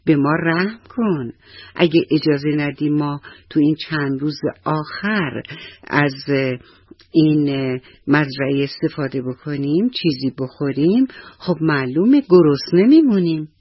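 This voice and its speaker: A gentle hungry pigeon pleading for her flock in a radio bedtime story, as a male narrator puts her on. The voice is soft, fairly high and a little husky. The sound is dull and dry. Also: dry recording.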